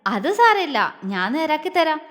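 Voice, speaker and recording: A woman voicing a tender, teasing young husband, speaking softly and affectionately and stumbling over his words when embarrassed. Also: high-pitched, sing-song, unhurried, in a large hall, voice pushed up, heavily acted. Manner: soft, coaxing, affectionate, stammering when embarrassed.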